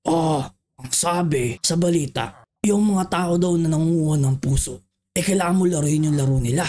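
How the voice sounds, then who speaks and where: A woman voicing a tiny male villager who speaks in a slow, grave, gruff voice much deeper than his size suggests. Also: warm tone. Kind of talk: animated game parody voice acting.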